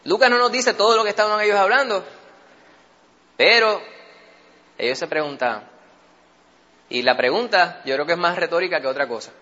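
Bright-voiced Puerto Rican man teaching scripture. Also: high-pitched, normal speed, pauses often, muffled recording. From Puerto Rico. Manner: keeps asking listeners for assent. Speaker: Bible study leader. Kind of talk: conversational Bible teaching.

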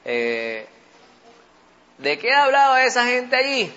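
A man's voice: very high-pitched, wildly swooping pitch, slow, sharp tone, muffled recording. A Puerto Rican man leading a Bible study in a conversational teaching style, often checking in with his listeners. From Puerto Rico. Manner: keeps asking listeners for assent.

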